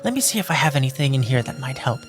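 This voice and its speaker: A man's voice: mid-range voice, big pitch swings, rapid-fire, faint music behind, close to an everyday voice. A man doing a flustered, fussy sorceress. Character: fussy helpful female sorceress with a huge tome.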